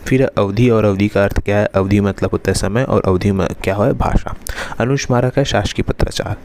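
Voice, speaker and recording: Low-voiced man drilling exam answers. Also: moderate pace, a little hiss or hum. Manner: repeats "remember" and "then next" in a steady drilling rhythm. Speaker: exam-prep teacher. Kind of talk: walking through exam questions.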